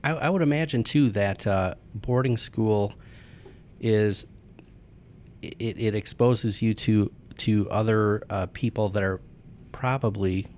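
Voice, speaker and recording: A man's voice: on the low side, slow pace, darkish tone, a little hiss or hum. A man hosting an interview show, asking questions in a conversational way with hesitant restarts, and reading a sponsor message.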